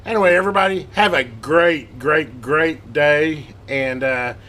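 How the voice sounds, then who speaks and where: Running a hobby electronics repair channel, this man walks through a casual hands-on tutorial in a rambling, folksy, self-correcting style. He sounds a little high and a little slow, bright and forceful, over the clear background noise of a noisy workbench recording.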